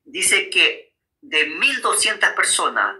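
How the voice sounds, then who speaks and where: A man's voice: high voice, very animated, slow pace, sharp tone, poor audio. A man preaching a sermon on marriage, often checking in with his listeners and calling them brothers. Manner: frequent tag questions to listeners.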